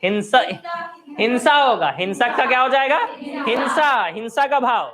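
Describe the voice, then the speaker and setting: A man's voice: very high-pitched, lively intonation, unhurried, a crowd in the background. A man teaching an online exam-prep class, calling out words one by one, asking students for answers and then correcting them. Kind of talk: online coaching class, quizzing students on word forms.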